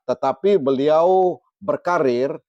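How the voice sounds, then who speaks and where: A man interviewing his former school principal, speaking respectfully with frequent fillers and drawn-out phrases. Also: a little high, no room sound, highs cut off. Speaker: interviewer, alumnus. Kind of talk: casual interview.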